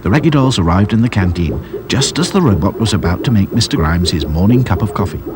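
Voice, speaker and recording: A man narrating a children's storybook in a lively, expressive reading. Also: low voice, quick pace.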